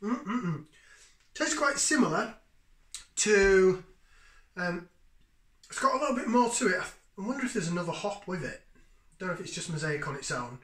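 Guy in his 30s doing a beer review in his kitchen, high bright voice, bit of room echo. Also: expressive, moderate pace, pauses often. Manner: enthusiastic, savoring, chatty with sniffs and sips. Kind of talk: casual beer tasting review. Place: home kitchen, indoors. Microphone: fixed camera at table distance. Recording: echoey kitchen.

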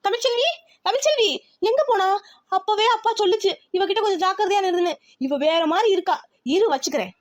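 A woman's voice: extremely high pitch, quick pace, dry recording, a faint crowd. A woman voicing a clingy, cheeky young male cousin from the village in a cartoon.

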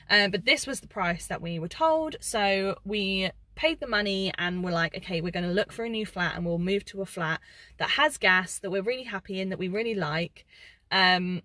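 A woman's voice: medium pitch, fairly bright tone, no echo. A young woman giving a casual, open life update from inside her parked car, filmed close up and talking with lots of fillers. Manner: chatty, open, lots of "um" and "like", hands moving. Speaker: vlogger. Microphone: camera facing her at close range.

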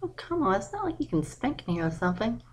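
A man's voice: high voice, sing-song, quick pace, voice pushed up. A man voicing a brash young female pegasus pony who stammers and pleads nervously in a fan audio drama. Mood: pleading.

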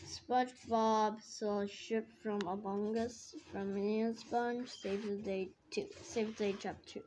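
A woman reading a children's storybook aloud in a halting way. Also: mid-range voice, steady tone, a little mellow, slight background noise. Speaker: read-aloud narrator.

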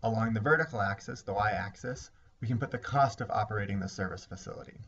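A man with a low-pitched voice delivers a recorded lesson, walking through each point in a measured, explanatory way. The recording sounds slightly dull and lo-fi, with faint hiss underneath. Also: a bit bright. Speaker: instructor. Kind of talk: recorded lecture.

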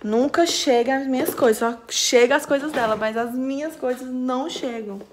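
A woman's voice: high-pitched, normal speed, heavy background noise. A young woman chatting straight to her viewers in a casual home vlog, filmed on a handheld camera at arm's length in her kitchen and living room. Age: young adult. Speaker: vlogger.

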